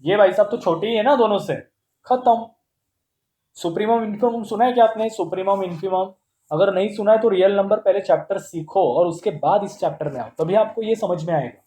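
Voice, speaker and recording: A man walks through a math lesson, posing questions and answering them himself in a playful way. His voice sits high but mellow. The room is echoey, with a faint hum behind him. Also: brisk. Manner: explains step by step with rhetorical questions; playful, calls terms "bhai sahab". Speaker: math teacher.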